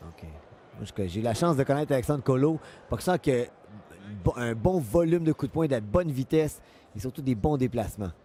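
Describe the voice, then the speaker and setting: A man commentates on a live fight in Quebec French. His voice is middle-pitched and soft-edged, on the dark side. He breaks down the action analytically, repeating phrases as he goes. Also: animated, a little fast, slight background noise.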